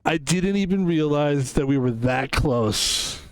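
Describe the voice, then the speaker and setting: A man's voice: a little high, lively intonation, slow pace, smooth, no echo. A man in his fifties chatting casually while streaming a game, rambling and correcting himself as he thinks aloud. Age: 50s. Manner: rambling, reflective, self-correcting. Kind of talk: casual chat while gaming.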